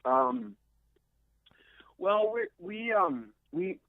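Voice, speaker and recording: Here the American guitarist sounds high and expressive, drawing out his words with some vocal fry. The tinny, narrow phone-style audio has no room sound, and he chats in his usual hesitant, modest interview manner.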